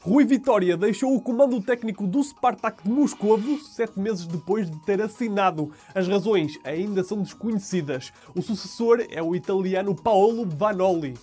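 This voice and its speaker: A man with a European Portuguese accent, presenting football news in a steady scripted read. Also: sits high, breathy edge, soft background music. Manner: steady, measured read of sports headlines.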